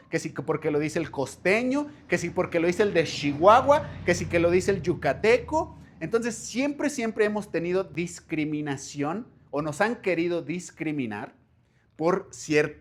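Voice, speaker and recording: A man with a Mexican accent, a language teacher chatting casually about a book to his viewers, animated and slangy, with frequent rhetorical questions. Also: on the high side. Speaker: language teacher and bookshop channel host. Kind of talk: casual book review to camera.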